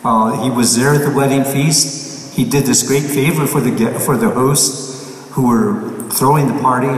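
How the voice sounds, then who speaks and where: A man serving as priest, reading the gospel and preaching a homily in a plain, halting way with frequent restarts, heard with heavy cathedral echo in a large church. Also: mid-range voice. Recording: long church reverb from far off, faint noise.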